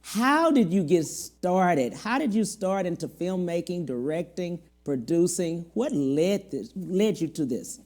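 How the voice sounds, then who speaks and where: A woman's voice: lowish voice, lively intonation, unhurried, few pauses, a little mellow. A woman hosting a talk show, upbeat and affirming, often agreeing with her guest. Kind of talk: casual interview talk.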